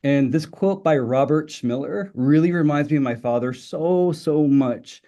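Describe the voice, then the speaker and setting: On an online webinar, a middle-aged Italian linguistics professor gives a personal talk as guest speaker, Italian being his first language. His voice is fairly high and mellow, a little slow, and his manner is friendly and informal as he shares personal stories.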